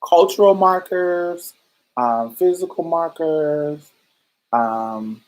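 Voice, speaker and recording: Speaking slowly in a low, darkish voice, this podcast host talks to her listeners on a casual livestream. The recording is rough, and her loose, thoughtful explanations come with many fillers and restarts.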